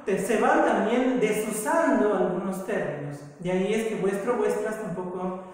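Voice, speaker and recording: A woman's voice: mid-range voice, moderate pace, darkish tone. A woman from South America teaching a recorded grammar lesson, explaining patiently, repeating examples and checking in with the listener. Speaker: language teacher. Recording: echoey room with long reverb.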